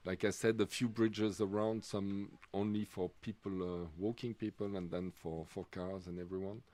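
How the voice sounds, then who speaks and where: A middle-aged Swiss man with a French accent giving live commentary on a race, halting and full of fillers. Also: sits low, flat delivery, warm tone. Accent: French-speaking Swiss. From Switzerland. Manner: halting, many fillers and restarts.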